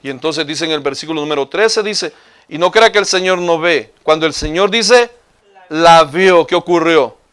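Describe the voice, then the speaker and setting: A man's voice: a little high, normal speed, fairly bright tone, clean tone. A male pastor preaching a sermon with passion, speaking straight to his congregation. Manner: impassioned preaching, addressing listeners as hermano.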